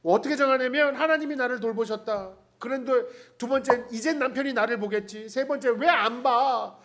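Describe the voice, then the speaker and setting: A man's voice: extremely high pitch, a little fast, a bit bright. A man pastor preaching a sermon in a church, telling the story with humor, acting out the characters' lines and speaking directly to the congregation. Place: church sanctuary.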